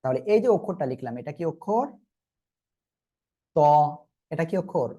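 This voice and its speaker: A man's voice: fairly high pitch, big pitch swings, very fast, dark tone, husky. A man teaching Arabic letters in a Quran reading lesson, patient and repetitive, often checking that learners follow. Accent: Bangladeshi Bengali. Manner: patient, repeats and checks understanding.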